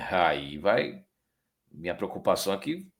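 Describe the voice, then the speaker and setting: A man with a Brazilian Portuguese accent teaching from the Bible as a program host, talking conversationally and slowing down to read scripture. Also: low voice, gravelly. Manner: conversational, frequent tag questions, slows down to read scripture.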